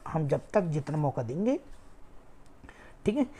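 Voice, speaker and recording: A woman's voice: sits low, sing-song, measured pace, dark tone, slightly rough. A woman teaching an online exam-prep lecture, explaining step by step and repeating key words for emphasis. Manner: frequent "ठीक है" checks.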